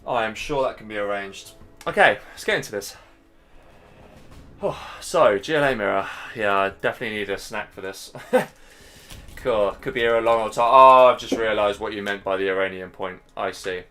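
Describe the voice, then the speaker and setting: Low-voiced man casting a game. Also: moderate pace, bright, forceful tone, soft background music. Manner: chatty, casual, thinking aloud. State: tired, yawning. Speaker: game caster. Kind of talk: live strategy game commentary.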